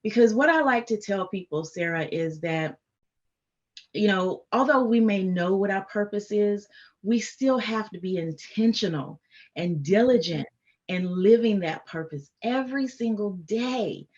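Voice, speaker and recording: A woman's voice: mid-range voice, lively intonation, a little slow, a little mellow, lo-fi sound. A woman from the United States hosting a podcast interview, affirming and encouraging her guest. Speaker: podcast host.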